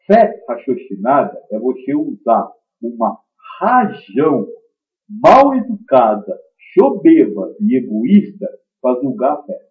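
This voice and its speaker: A man giving a spiritist teaching talk, emphatic and swinging between loud stresses and quiet asides. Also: medium pitch, big pitch swings, slow. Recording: dull lo-fi recording.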